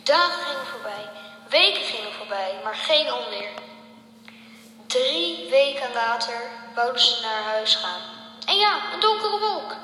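Her pitch fairly high and her intonation lively, this reader moves a little slowly with a pushed, bright sound. She takes care with the story but makes small slips, fixing them as she goes, while the hall echoes and a faint hum lingers.

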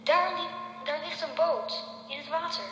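A wary, hesitant storybook boy, read aloud by a woman. The voice is high and sharp. It sounds far off in a hall with long reverb and a low hum. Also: measured pace, faint music behind. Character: boy Jafar, hesitant and cautious. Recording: echoey hall, faint hum.

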